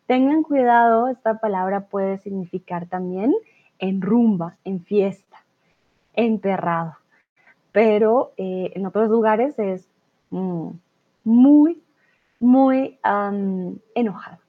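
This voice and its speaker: A woman with a Colombian accent teaching a live online Spanish lesson, patiently explaining and often checking in with her students. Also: mid-range voice. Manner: patient, explains slowly with frequent "¿vale?" check-ins. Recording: tinny phone-like audio.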